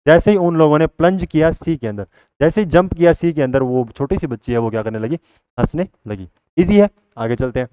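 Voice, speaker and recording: A man's voice: a little high, lively intonation, fairly quick, mellow, clean tone, dry recording. A male teacher giving a vocabulary lesson. He keeps asking the class a question and then answering it himself.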